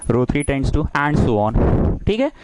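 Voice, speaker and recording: A man's voice: a little high, very animated, slow, background noise. A man teaching math in a lecture, playful and full of questions, acting out little dialogues. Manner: playful, acts out little dialogues, keeps asking students questions. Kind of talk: classroom-style lecture.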